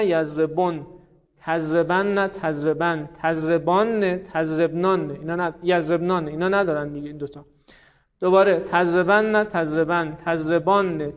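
A man teaching Arabic grammar in a classroom lecture, explaining patiently and reciting verb conjugations in quick drills. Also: high-pitched. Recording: dull lo-fi sound.

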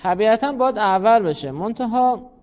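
A man's voice: sits high, expressive. Man lecturing a class, muffled recording. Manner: explains patiently, calls on students by name. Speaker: teacher.

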